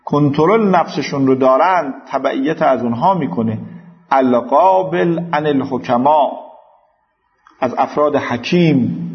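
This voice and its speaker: In a religious lecture, a teacher with an Iranian Persian accent quotes Arabic scripture and paraphrases it in a didactic way. His voice sits at medium pitch, and the recording has its highs cut off.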